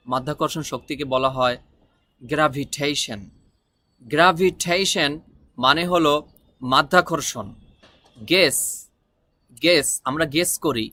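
Man, English vocabulary lesson, slow repetition, bright slightly high voice. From Bangladesh. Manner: slow repetitive word drilling. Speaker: English teacher.

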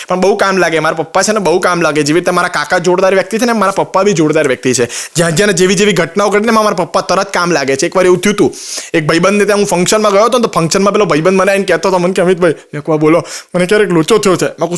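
A man with a Gujarati accent telling comic stories, quoting his father and others in quick exchanges. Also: sits high. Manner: rapid storytelling with quoted voices. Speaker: comedian. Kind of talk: stand-up joke telling.

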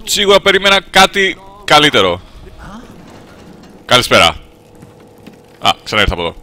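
A man from Greece giving jokey, sarcastic running commentary as he plays a game, jumping to high squeals when startled. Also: very animated, bright, forceful tone. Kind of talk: comedic gameplay commentary in character.

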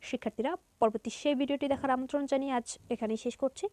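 A woman's voice: sits high, fairly even intonation, very fast, warm tone, a little hiss or hum. A woman with a Bangladeshi Bengali accent teaching a grammar lesson to students, going step by step and asking and answering her own questions.

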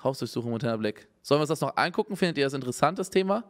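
A man's voice: medium pitch, expressive, racing. A young man streaming live, reacting to news in a casual, hesitant way with many restarts and a concerned tone.

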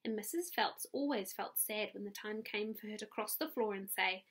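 New Zealand teacher reading aloud. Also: female voice, mid-range voice, normal speed, a bit bright. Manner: friendly, with asides to listeners. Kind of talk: children's read-aloud.

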